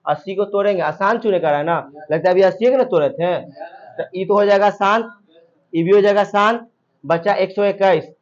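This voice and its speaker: High-voiced male math teacher, drills and quizzes the class, lo-fi sound. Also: moderate pace. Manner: repetitive, quizzing students, drilling answers. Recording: dull lo-fi recording.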